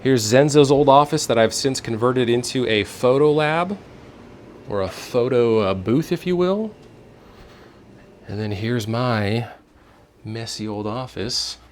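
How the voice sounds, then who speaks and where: Male tour guide, medium pitch, informal vlog narration, thinks out loud, faint ventilation noise indoors. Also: unhurried, long pauses. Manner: informal, rambling, thinking aloud. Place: indoors, workplace rooms. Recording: faint room and air-conditioning noise.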